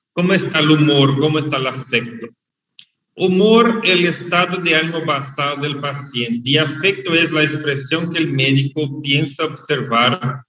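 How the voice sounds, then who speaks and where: A man teaching an online medical class, his voice bright and a little strained, heard from a distance in a roomy space. He talks slowly and explains patiently, repeating each key term. The sound is muffled and lo-fi, with faint noise underneath. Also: a little high. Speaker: lecturer. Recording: echoey, dull, far from the mic over an unstable online connection.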